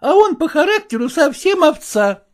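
A woman's voice: high voice, big pitch swings, normal speed. A woman reading a story aloud, voicing a chatty, bustling old matchmaker. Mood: gossipy. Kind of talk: audiobook character voice.

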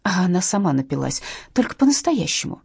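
A woman's voice: on the low side, big pitch swings, a little fast, creaky, darkish tone, breathy edge, no room sound, clean studio sound, full character voice. A woman voicing an anxious, plaintive young woman in an audiobook. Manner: plaintive, eager.

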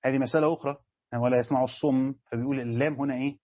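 Fast, husky Egyptian sheikh teaching. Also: male voice, mid-range voice, fairly even intonation, dry recording, muffled recording. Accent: Egyptian Arabic. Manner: explanatory, asks students questions. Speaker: sheikh teaching Quran commentary. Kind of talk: religious lesson.

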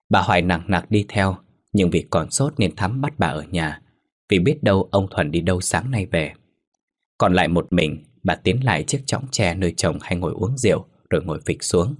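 Deep-voiced man narrating a ghost story. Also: slightly rough.

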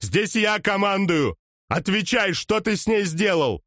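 A man reading an audiobook voices a desperate, grieving giant of a man who shouts in a trembling voice. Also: mid-range voice, animated, a little slow, no echo, studio quality, pitched above the performer's own voice, close to an everyday voice. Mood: frantic.

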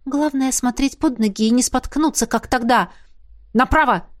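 A woman narrating a first-person fantasy audiobook in an expressive, breathless way. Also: sits high, moderate pace, no room sound, clean studio sound. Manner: expressive, breathless in tense moments.

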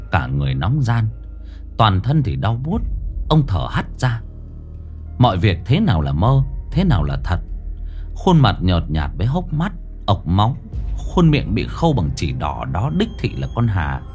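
A man's voice: medium pitch, a little mellow. A man narrating a scripted ghost story in a dramatic, suspenseful way. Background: faint background music.

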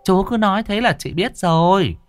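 A woman's voice: mid-range voice, animated, moderate pace, faint music behind, pitched above the performer's own voice, close to an everyday voice. A man voicing a foul-mouthed, gossipy village tea-stall woman. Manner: chatty, coarse, gossipy.

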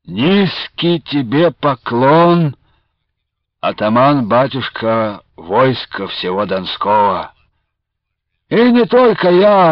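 A man's voice: a little high, no room sound, pitched above the performer's own voice. A man reading aloud and voicing an old, toothless Cossack man with a squealing, fawning voice, in a dull lo-fi radio recording. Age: older. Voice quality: squealing, obsequious.

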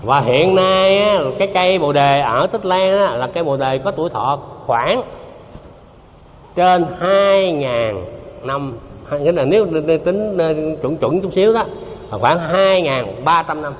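A Buddhist teacher speaks a little slowly, his slightly high voice carrying lively intonation. In this dharma talk he chats with his audience, repeats himself, and asks them questions. The recording comes from a hall and sounds dull and lo-fi, with faint noise.

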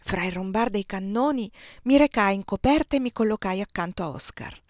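A woman reading a novel aloud in the first person, with an expressive, lively delivery. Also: mid-range voice, fairly quick, no echo, clean studio sound. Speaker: audiobook reader.

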